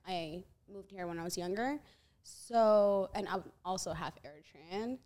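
A young woman from Ethiopia, a podcast guest chatting casually, relaxed and rambling, with many "like" and "you know". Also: medium pitch, unhurried. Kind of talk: casual chat.

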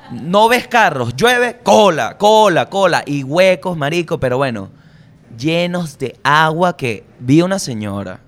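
A man with a Venezuelan accent hosting a comedy podcast, telling stories in slangy, animated chat, swearing freely and throwing in jokey asides. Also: fairly high pitch. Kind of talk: casual comic monologue.

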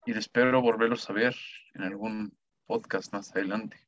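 A man's voice: on the low side, fairly even intonation, normal speed, a bit bright. A young man speaking casually as a participant on a student podcast. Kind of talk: casual thanks and reflection. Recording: dull, lo-fi sound.

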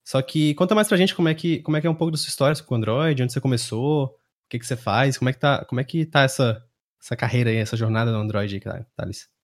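A man's voice: medium pitch, quick pace. A man with a Brazilian Portuguese accent hosting a casual podcast interview. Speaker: podcast host.

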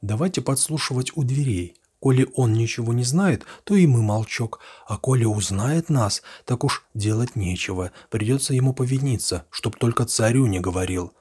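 A man voicing a frightened thieving palace servant in a folk tale, husky and conspiratorial. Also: mid-range voice, expressive, normal speed, hardly any pauses, a little mellow. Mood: anxious, plotting. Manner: anxious, conspiratorial.

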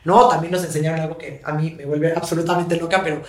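A woman's voice: low voice, fairly even intonation, fast talker. A Mexican woman talks parenting in an easygoing podcast chat, earnest and explanatory, now and then slipping into the voices of the mothers she works with. Her voice sits in a noticeably roomy, echoing space. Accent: Mexican Spanish. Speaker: parenting coach. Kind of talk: casual podcast conversation. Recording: roomy echo.

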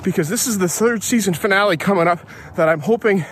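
A man's voice: high-pitched, fast talker, a bit bright, slight background noise. A man recording a casual audio diary outdoors, a podcast host talking in a chatty, rambling way and correcting himself as he goes. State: out of breath. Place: outdoors on a hill at dawn.

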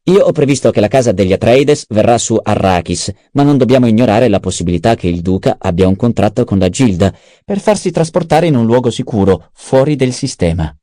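A man's voice: mid-range voice, expressive, brisk, hardly any pauses, warm tone, dry recording, clean studio sound, pitched above the performer's own voice, lightly acted. A man voicing a cunning, self-satisfied male adviser in an audiobook, eager and precise. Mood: scheming. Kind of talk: audiobook character voice.

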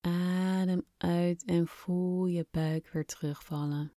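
Soft, slow, soothing woman guiding breathing. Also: fairly low pitch, steady tone, no echo, studio quality. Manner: soft, soothing, unhurried instruction with long pauses. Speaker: breathing exercise guide. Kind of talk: guided relaxation exercise, scripted narration.

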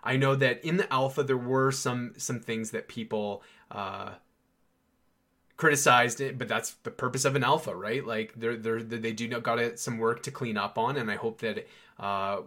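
In a casual podcast chat, a young male host speaks eagerly, stumbling over fillers and restarts. His mid-range voice keeps a steady tone and moderate pace and sounds sharp.

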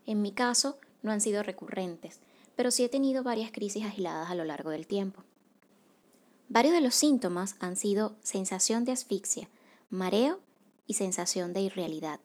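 A woman hosting a wellness podcast as a psychocorporal facilitator, reading a scripted monologue in a calm, measured, soft-spoken way. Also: medium pitch.

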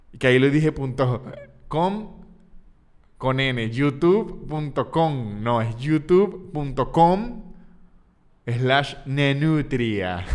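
A man hosting his own podcast as a stand-up comedian, talking casually in a playful, joking, rambling way and correcting himself as he goes. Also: mid-range voice.

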